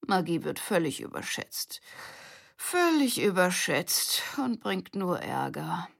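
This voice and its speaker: A woman's voice: lowish voice, very animated, vocal fry, full character voice. A woman voicing a weary, muttering old grandfather in a storybook reading. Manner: slow, muttering.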